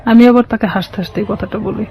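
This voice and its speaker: Her voice mid-range and steady, a woman with a Bangladeshi accent talks fast, recounting her life story in an interview and quoting conversations in a colloquial way. The recording is muffled, with some chatter behind her.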